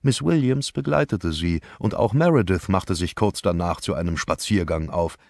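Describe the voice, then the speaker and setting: A man reading an audiobook in scripted first-person narration, measured and grave. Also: low-pitched, creaky, a little mellow, no room sound, studio quality.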